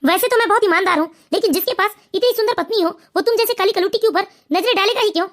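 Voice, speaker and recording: Woman playing a sneering young son-in-law, very high voice, rapid mocking talk, cartoon. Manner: mocking, smug.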